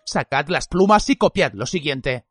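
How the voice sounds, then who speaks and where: A man's voice: a little high, animated, normal speed, a bit bright, dry recording, clean studio sound. A man playing a stern, growling old wizard teacher in an audiobook. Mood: stern lecturing. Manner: growling, emphatic lecturing. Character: grizzled gruff old male wizard teacher, stern and watchful. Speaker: voice actor in an audiobook.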